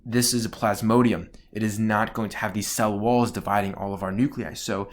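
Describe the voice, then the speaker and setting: A man's voice: lowish voice, fairly even intonation, fairly quick. Man tutoring, explaining step by step. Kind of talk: explanatory lesson, working through a question aloud.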